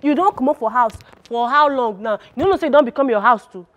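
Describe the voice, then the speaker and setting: A woman's voice: a little high, animated, fast, lightly acted. A woman with a Nigerian Pidgin-tinged accent playing a pushy, dismissive sister in a comedy skit. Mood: bossy. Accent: Nigerian Pidgin-tinged English. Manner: bossy, dismissive. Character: pushy older sister overstaying her welcome.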